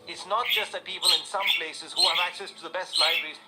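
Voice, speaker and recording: A man's voice: high-pitched, steady tone, quick pace. A man from India, giving thoughtful, reflective interview answers. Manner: thoughtful, with many fillers and restarts. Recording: interview with loud background noise.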